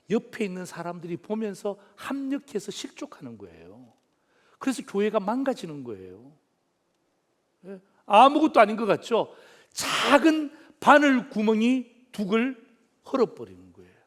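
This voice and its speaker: High, lively-voiced male pastor preaching. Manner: animated storytelling with direct questions to the congregation. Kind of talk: sermon.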